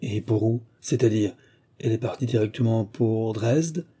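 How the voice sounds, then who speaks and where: A man's voice: fairly low pitch, moderate pace, dark tone, breathy edge. A man voicing an anxious, elegant baron in an audiobook, who asks flustered and urgent questions.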